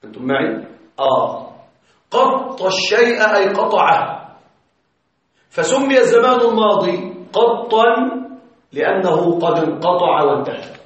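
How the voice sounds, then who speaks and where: A man's voice: high-pitched, big pitch swings, unhurried, long pauses. A man teaching Arabic grammar in a classroom, explaining step by step and often checking that his students are following. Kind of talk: classroom lecture. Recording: echoey, distant, slightly muffled classroom recording.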